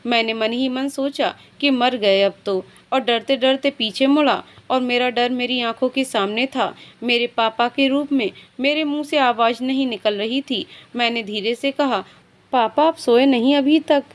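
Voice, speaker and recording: A woman reading an emotional story aloud as its storyteller, narrating in the first person with steady, emotive delivery. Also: sits high.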